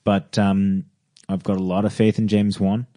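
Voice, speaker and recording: A man co-hosting a casual movie podcast, sharing opinions in a hesitant way with many pauses and restarts. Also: on the low side, flat delivery, warm tone. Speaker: podcast co-host. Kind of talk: casual chat.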